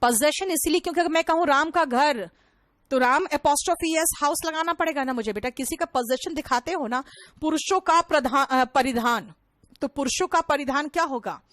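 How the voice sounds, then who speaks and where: A woman's voice: sits high, moderate pace, fairly bright tone, no room sound. A young woman teaching an online English vocabulary class, explaining in Hindi with English terms and calling her students "beta".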